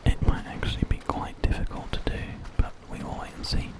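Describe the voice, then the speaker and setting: Gentle and slow, a British ASMR host narrates a game in a breathy whisper, the microphone positioned extremely close.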